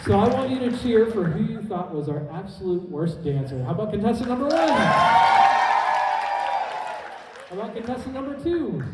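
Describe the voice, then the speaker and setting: A man's voice: high-pitched, big pitch swings, normal speed, long pauses, over a noisy crowd, heavy background noise. A man hosting a live comedy hypnosis show on stage, giving the audience and participants repeated, simple instructions. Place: indoor conference hall stage. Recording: echoey hall PA, heard from far off.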